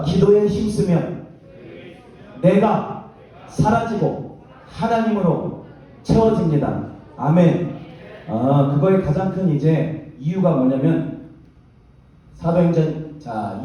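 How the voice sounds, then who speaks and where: A man's voice: high voice, dark tone. A man pastor preaching a sermon to a youth group, with emphatic call-and-response repetition. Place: church youth worship hall. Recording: echoey church hall mic from a distance.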